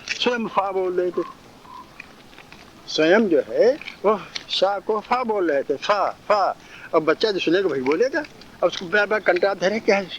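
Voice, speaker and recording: Male spiritual teacher, high voice, repetitive teaching cadence with frequent chuckles; muffled lo-fi recording. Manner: chuckling often, drawn-out teaching cadence, repeats phrases. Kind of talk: spiritual discourse. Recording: dull lo-fi recording, faint noise.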